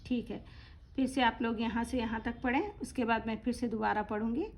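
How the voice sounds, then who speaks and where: A woman teaching Quran reading, slowly drawing out each letter name and then explaining softly and quickly in between. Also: on the high side, steady tone. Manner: slow, drawn-out letter names, then quick soft explanations. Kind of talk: online lesson, letter-by-letter drilling. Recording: dull lo-fi audio.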